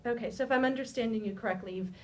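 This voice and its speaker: A woman practicing a sales pitch, asking probing client questions in a rehearsed business conversation. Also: rapid-fire. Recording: distant mic, rumbly background noise.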